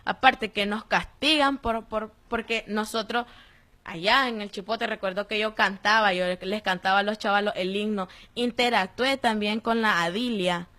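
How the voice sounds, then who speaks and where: A young woman with a Nicaraguan accent giving a personal testimony in an interview, telling her story in a lively way and acting out the voices of the people she quotes. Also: medium pitch, moderate pace. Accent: Nicaraguan Spanish. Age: young adult. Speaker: interviewee, former detainee.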